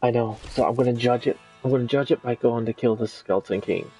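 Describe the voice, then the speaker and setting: A man giving casual gameplay commentary, explaining things in a halting way. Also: mid-range voice, fairly even intonation, dark tone, faint music behind, poor audio. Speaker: gamer commentating on own play.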